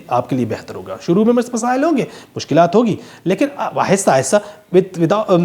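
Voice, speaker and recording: Pitched high with a darkish tone, this man preaches motivation straight at his audience. He speaks with emphasis, sermonizing and addressing them as "brother."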